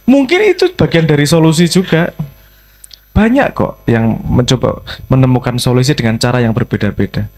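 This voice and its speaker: A man speaking as the invited speaker at a discussion session, relaxed and reflective, slipping in English phrases. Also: medium pitch, normal speed.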